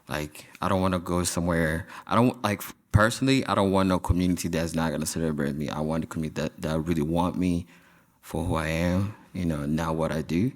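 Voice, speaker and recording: A young man, a senior student on a panel, talking casually and with enthusiasm, often repeating himself. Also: deep voice. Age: young adult. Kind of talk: panel discussion answers.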